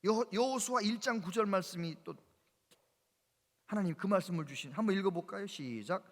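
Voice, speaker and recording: High-voiced man preaching in a hall. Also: a little fast. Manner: animated storyteller with exclamations. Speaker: pastor. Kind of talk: sermon storytelling. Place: church sanctuary. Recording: reverberant church hall.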